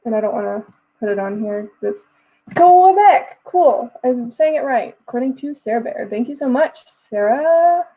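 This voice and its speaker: Speaking at a normal pace in a slightly high, animated voice, this livestream host is a woman of twenty-one from Texas. She chats easily with viewers, reading out their incoming messages and replying to each. The audio has a phone-like quality.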